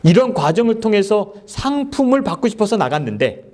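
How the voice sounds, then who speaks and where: A male pastor delivering a sermon in a church service, voice a little high for a man. He talks in a very animated way, with wide swings in pitch. He keeps throwing questions at the congregation. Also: fairly quick, a little hiss or hum. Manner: animated, quizzes the congregation, laughs often.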